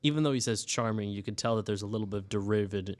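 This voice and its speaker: A man's voice: lowish voice, rapid-fire. Casual male game master narrating. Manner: casual, relaxed narration with fillers.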